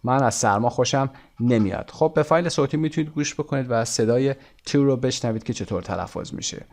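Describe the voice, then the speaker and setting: A man walks through an English coursebook lesson at an ordinary, mid-range pitch. He slows right down to read each English line deliberately. Then he switches to quick explanations. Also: a little mellow. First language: Persian. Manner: reads English prompts slowly and deliberately, explains quickly in Persian. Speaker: English teacher. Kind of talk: textbook lesson, Persian explanations with slow English read-outs.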